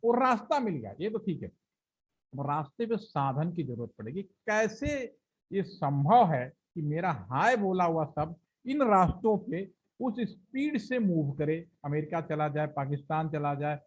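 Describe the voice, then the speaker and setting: A man's voice: a little high, breathy edge, lo-fi sound. A man teaching a training class, explaining step by step and asking and answering his own questions, with his speech. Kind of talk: classroom lecture.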